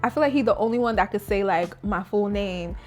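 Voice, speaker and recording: A woman's voice: mid-range voice, a little fast, faint music behind. A young woman vlogger chatting casually through a story, full of fillers and acting out her own thoughts. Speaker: beauty vlogger. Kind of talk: casual storytime while doing makeup.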